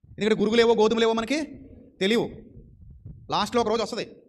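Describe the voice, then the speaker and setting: Guy preaching fast and fired up, high voice, keeps firing off questions and repeating himself. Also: fairly even intonation. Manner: fervent, rhetorical questions and repetition. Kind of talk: sermon.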